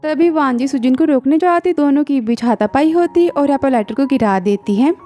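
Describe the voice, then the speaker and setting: A woman's voice: high-pitched, normal speed, warm tone, faint music behind. A woman narrating a drama recap in a casual storytelling way, reading the characters' lines in her own plain voice.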